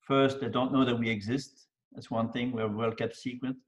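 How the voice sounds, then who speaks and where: An older man, a business mentor guest speaking in a measured, methodical way. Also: medium pitch, steady tone, rough recording. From Belgium. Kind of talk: casual interview talk.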